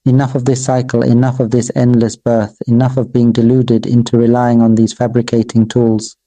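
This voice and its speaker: A man, a Buddhist monk, delivering a dharma sermon in slow, measured, repetitive phrases and addressing his own voice directly. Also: medium pitch, completely flat delivery, warm tone, no echo, rough recording.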